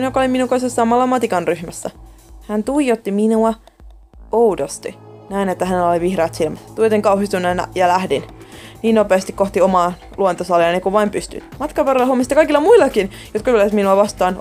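A woman's voice: medium pitch, a little mellow. A woman narrating a first-person horror story in a dramatic, scripted way. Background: faint music.

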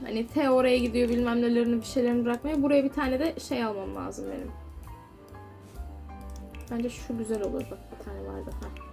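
A woman's voice: on the high side, fairly even intonation, a little fast, creaky, dark tone, faint music behind. A young woman giving casual gameplay commentary, chatty and exasperated, scolding the characters on screen. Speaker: gaming YouTuber.

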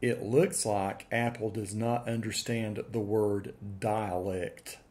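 A middle-aged man with an Appalachian accent, talking casually and deliberately as he demonstrates software. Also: lowish voice, steady tone. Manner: deliberate, spelling out punctuation while dictating. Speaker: software reviewer. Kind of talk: dictation test with casual commentary. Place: room at home, indoors.

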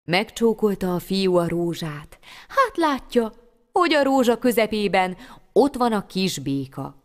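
A woman storyteller reading a folk tale aloud, lively and expressive with sudden exclamations. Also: mid-range voice. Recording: long hall reverb.

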